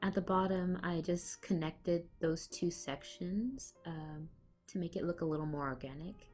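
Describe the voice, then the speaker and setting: Recorded on a laptop microphone at home, a woman with a cold chats through a casual voiceover for her speed-paint video, full of fillers and small laughs. Her darkish voice is on the low side and measured in pace, over soft background music.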